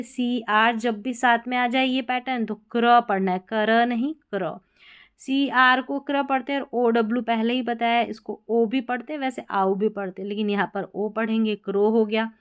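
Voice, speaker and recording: A woman's voice: on the high side, clear, resonant tone. A woman teaching English reading patterns step by step, patiently repeating each rule and checking in with her listeners. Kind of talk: step-by-step phonics lesson.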